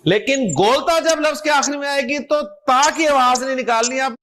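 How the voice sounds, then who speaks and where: A man with a Pakistani Urdu accent teaching Arabic grammar, explaining slowly, repeating his examples and checking that the class follows. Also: very high-pitched, fairly bright tone. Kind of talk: recorded grammar lecture.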